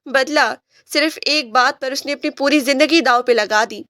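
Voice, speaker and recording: A woman's voice: high-pitched, fairly bright tone, no echo, clean studio sound. A woman voicing a harsh, domineering young male police officer who barks and sneers. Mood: bitter. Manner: barking, scornful.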